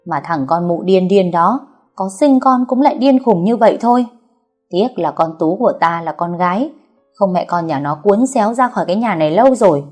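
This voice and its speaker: Woman doing a shrill, spiteful concubine. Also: lively intonation, moderate pace, a little mellow, soft background music. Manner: shrill, scolding, threatening. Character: spiteful, domineering middle-aged concubine.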